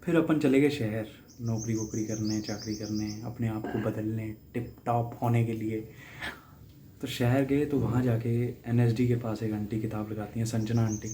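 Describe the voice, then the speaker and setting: A young adult man from Haryana speaks at normal speed in a mellow, fairly low voice with fairly even intonation, and a slight hiss or hum is audible. He casually reflects on how a certain writer influenced his life, laughing softly and starting over at times.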